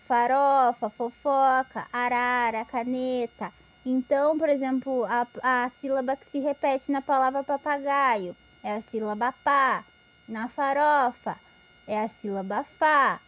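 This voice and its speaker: A woman's voice: high voice, a bit bright. A woman giving an instructional lesson, patiently explaining step by step with examples. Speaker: teacher.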